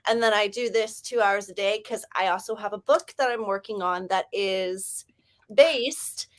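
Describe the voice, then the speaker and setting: A woman hosting a casual writing livestream, hyper and chatty, rambling with quick restarts. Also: mid-range voice. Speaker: livestream host running writing sprints.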